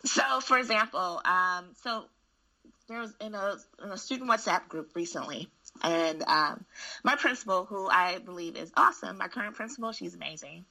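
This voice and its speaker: A woman's voice: medium pitch, normal speed, gravelly, rough recording. A woman who works in school administration, candidly telling stories in casual conversation. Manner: candid, frank, animated storyteller with frequent restarts.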